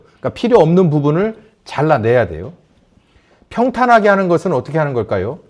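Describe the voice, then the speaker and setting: A male pastor preaching a sermon, asking the congregation questions and acting out shouted quotes. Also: on the high side.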